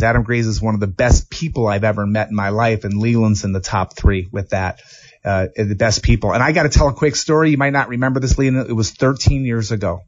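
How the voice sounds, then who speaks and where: A man's voice: medium pitch, no room sound. An eager male host asks questions and tells anecdotes, voicing the people in his stories. The sound is dry and muffled, recorded in an office. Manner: enthusiastic storyteller, acts out quotes. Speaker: interview host, former hockey player. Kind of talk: casual interview.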